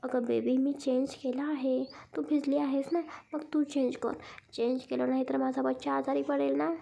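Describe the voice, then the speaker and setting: A woman voicing a patient, caring young man who coaxes and gently scolds. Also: sits high, flat delivery, normal speed, vocal fry, a little hiss or hum. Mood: coaxing.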